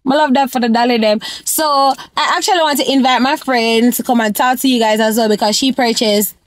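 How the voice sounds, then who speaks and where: A woman's voice: a little high, fairly even intonation, a little fast. A young woman from Jamaica with a Jamaican accent, giving casual advice in a vlog and mixing patois into her English. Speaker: vlogger.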